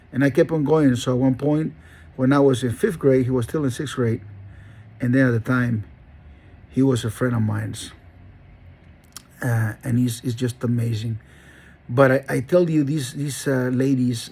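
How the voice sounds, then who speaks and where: This is a personal monologue from a middle-aged Honduran dog breeder and channel host, earnest and rambling, with frequent restarts as he tells his life story. His mid-range voice has a darkish, slightly rough tone.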